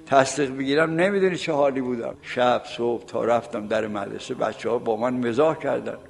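Elderly male preacher, late 70s, gravelly voice, folksy storyteller, long reverb from a mosque hall. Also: medium pitch. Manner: recites Arabic sayings slowly, then explains them in plain speech. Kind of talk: sermon.

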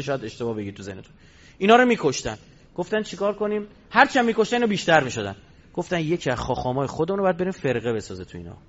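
A man giving a religious lecture in a casual storytelling way, jumping between loud emphatic lines and low murmured asides. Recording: dull lo-fi recording.

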